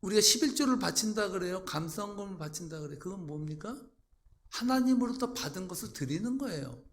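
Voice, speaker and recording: A man preaching a sermon as pastor, acting out quoted voices with sudden loud outbursts. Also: high-pitched, lively intonation, fast talker.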